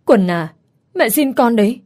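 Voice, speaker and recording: A woman's voice: fairly high pitch, expressive, unhurried, mellow, pitched above the performer's own voice. A woman voicing a frightened older mother who anxiously begs her son in an audio story. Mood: begging. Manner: pleading, anxious.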